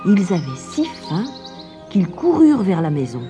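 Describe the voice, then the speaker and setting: A woman narrating a fairy tale in a slow, soft, expressive way. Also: on the low side, music in the background. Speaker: storyteller.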